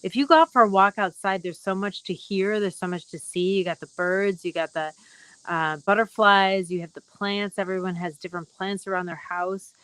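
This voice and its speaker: A middle-aged woman hosting a casual live wellness broadcast, speaking gently and rambling with many fillers. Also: mid-range voice, fairly even intonation, moderate pace, smooth, dry recording, low-quality recording. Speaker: wellness talk host.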